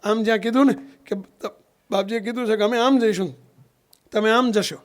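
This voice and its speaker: In this Gujarati satsang sermon, a swami tells a story, performs the voices of its figures, and keeps asking the audience if they got it. He speaks at normal speed, high-pitched with fairly even intonation.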